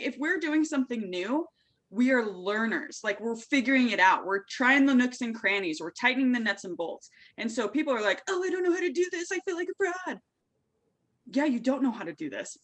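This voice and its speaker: An exuberant woman from the United States, a communication coach talking as a podcast guest, full of slang and high energy. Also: fairly bright tone. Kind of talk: casual interview chat.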